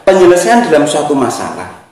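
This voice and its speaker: Man, Javanese accent, teaching talk, high-pitched, animated delivery, very echoey room. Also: a little fast. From Java. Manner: emphatic, repeats key phrases, mixes in Javanese. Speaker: spiritual teacher.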